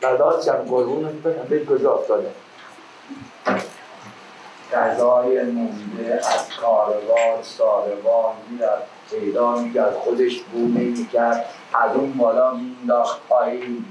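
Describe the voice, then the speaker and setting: A man performs as an epic teahouse storyteller. His delivery is theatrical, shifting between declaimed verse and colloquial telling in a medium-pitched voice. The room is echoey, with faint noise behind him. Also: level tone, highs cut off. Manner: theatrical, with raised declaimed calls and drawn-out verse. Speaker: traditional Persian storyteller (naqqal).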